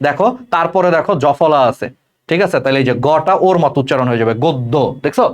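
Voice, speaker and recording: A young man from Bangladesh, teaching an exam-prep grammar lesson in a chatty way and often checking that students follow. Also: a little high. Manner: fast, chatty, addresses students as "bhai", many checks like "thik ache?". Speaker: tutor. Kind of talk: online exam-prep lecture.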